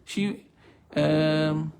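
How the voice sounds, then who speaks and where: A man's voice: fairly high pitch, steady tone, very slow, creaky, a little mellow, a little hiss or hum. A man with a Malaysian Malay accent telling a religious story as a Quran teacher, chatty and mixing in English words. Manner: chatty, addresses audience as tuan-tuan dan puan.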